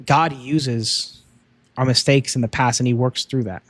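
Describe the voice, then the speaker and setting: A man's voice: mid-range voice, steady tone, unhurried, a bit bright, dry recording. A young man co-hosting a faith podcast, telling his testimony in an earnest, casual way with frequent "um" and "like". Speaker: podcast co-host.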